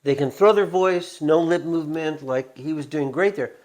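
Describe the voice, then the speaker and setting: A man's voice: fairly high pitch, moderate pace, a little mellow. A middle-aged man chatting and reminiscing casually as a show's co-host.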